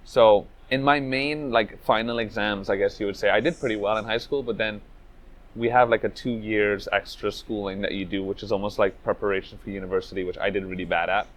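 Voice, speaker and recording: A man's voice: lowish voice, fairly even intonation, brisk. A man, telling his life story in a casual interview, loose and reflective with lots of "like" and "you know". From Venezuela, raised in Trinidad. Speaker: speedrunner interviewee.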